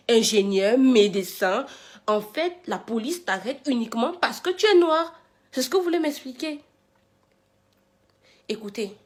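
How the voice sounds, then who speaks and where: A woman delivers an indignant, confrontational rant to viewers, speaking emphatically and hammering repeated phrases and rhetorical questions. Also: fairly high pitch. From Africa.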